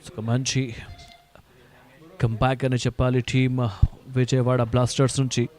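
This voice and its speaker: Telugu man calling cricket, fairly even pitch. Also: moderate pace. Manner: starts phrases with "So", repeats himself. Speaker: cricket commentator. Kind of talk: live ball-by-ball cricket commentary, Telugu mixed with English.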